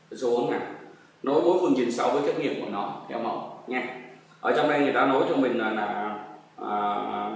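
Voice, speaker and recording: Teacher in an echoey room. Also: male voice, mid-range voice. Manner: coaxing, checks understanding with frequent tag questions. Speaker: math teacher. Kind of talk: explaining a textbook lesson. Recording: very echoey room, distant mic, faint noise.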